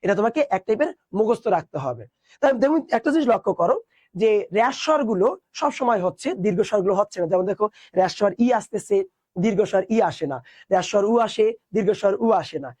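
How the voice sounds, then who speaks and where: A man's voice: high-pitched, quick pace, darkish tone, no echo. A young man teaching an online class, explaining step by step and asking his students questions.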